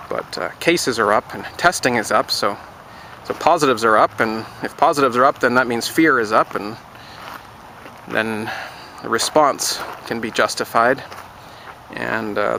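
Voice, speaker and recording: A man speaks in a casual vlog, rambling and wry as he talks straight to the camera. His voice is bright and forward at a middling pitch. Faint street noise sits behind him outdoors. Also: low-quality recording. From Canada. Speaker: vlogger. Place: outdoors near a road construction site.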